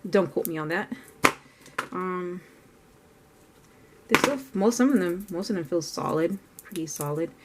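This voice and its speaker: A woman's voice: fairly low pitch, measured pace, pauses often, noisy background. A woman vlogging as she paints, chatting casually and thinking aloud in a rambling way. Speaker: art vlogger. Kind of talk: casual narration while painting.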